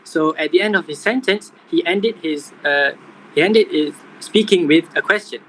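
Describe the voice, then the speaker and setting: A young man reading out a scripted class presentation in a steady manner. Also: on the high side, normal speed, slight background noise, rough recording. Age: young adult. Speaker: student presenter.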